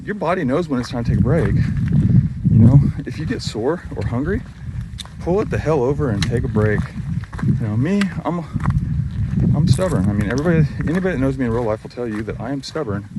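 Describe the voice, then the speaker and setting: A man's voice: medium pitch, lively intonation, fast talker. A middle-aged man chatting casually to the camera while hiking alone on a forest trail, rambling and self-deprecating. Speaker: hiking vlogger. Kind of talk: casual vlog talk to camera. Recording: outdoor noise in the background. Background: outdoor noise.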